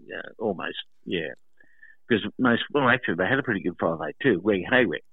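An older man from Sydney with an Australian accent, reminiscing casually as an interview guest, telling stories with pauses. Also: fairly low pitch, animated, slightly rough, no room sound. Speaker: interview guest, lifelong rugby league fan. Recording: thin, phone-like narrow sound.

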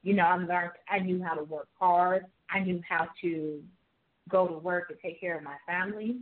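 A woman's voice: fairly low pitch, fairly even intonation, normal speed. A woman from Jamaica talking earnestly in casual conversation, telling stories from her life. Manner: earnest, storytelling, fillers like "like" and "you know". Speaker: author and guest. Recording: tinny phone-like audio.

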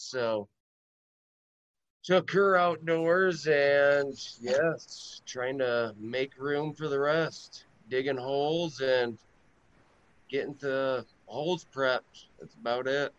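A man from Michigan, a guest grower, speaking slowly with lots of fillers over a choppy internet connection that keeps breaking up. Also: mid-range voice, fairly bright tone, clear, resonant tone, no room sound. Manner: slow, halting, many fillers. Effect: choppy bad internet connection. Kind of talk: casual interview over a call. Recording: dull, dry lo-fi call audio.

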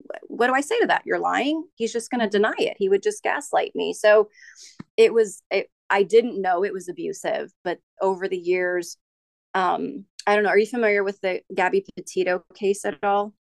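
A middle-aged woman speaks as a podcast guest, telling a personal story with a gravelly edge in her voice. She talks haltingly, restarting sentences and pausing on filler sounds. The sound is close and dry, with no room behind it. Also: medium pitch, no echo. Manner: halting, with frequent restarts and ums. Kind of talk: candid interview storytelling.

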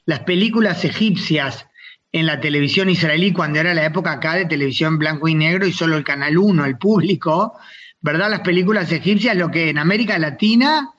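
A man's voice: sits high, a bit bright, muffled recording. A man hosting a radio interview, chatting and asking long, framing questions. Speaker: radio host.

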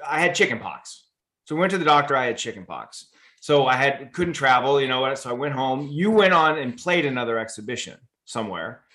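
Brief: young adult man, podcast co-host, animated casual anecdote, average pitch. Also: fairly quick. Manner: lively, animated storyteller. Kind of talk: casual storytelling.

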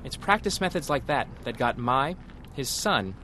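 A man's voice: medium pitch, lively intonation, moderate pace, pushed and bright, slight background noise. A man reporting for public radio, moving between scripted feature narration and field interviews.

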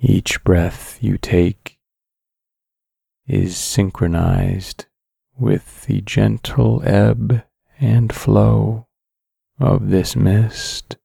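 A man narrating a guided sleep story in a calm, soothing, measured way, with long pauses between phrases. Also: on the low side, gravelly, slightly rough, no room sound, clean studio sound.

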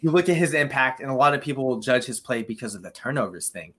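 Man, bright voice, conversational podcast co-host, agreeable. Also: medium pitch, expressive, quick pace, slightly rough. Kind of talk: casual sports chat.

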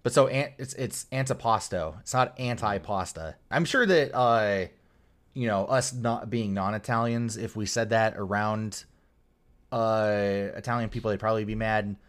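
A man's voice: lowish voice, steady tone, moderate pace, smooth. A man co-hosting a podcast, rambling in casual chat with lots of fillers and casual swearing. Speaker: podcast co-host.

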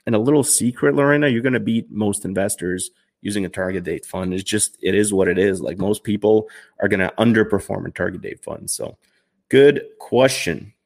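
A man in his thirties with a lowish, creaky voice hosts a finance livestream, answering viewer questions a little fast in a chatty, upbeat way, full of fillers and restarts.

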